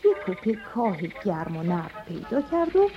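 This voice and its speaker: A woman's voice: medium pitch, sing-song. A woman storyteller reading a children's story aloud with expression, speaking to children. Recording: dull recording with music behind.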